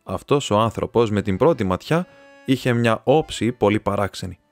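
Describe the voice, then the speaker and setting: A Greek man narrating a classic novel as an audiobook reader, steady and even. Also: on the low side, faint music behind. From Greece. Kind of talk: scripted narration.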